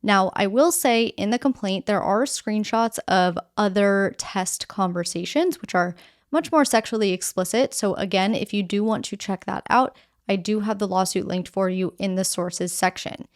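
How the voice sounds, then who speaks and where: A woman hosts a news podcast with a plainspoken, conversational delivery. She sets out each story directly and walks through it step by step. Her voice sits in an ordinary middle pitch. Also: normal speed.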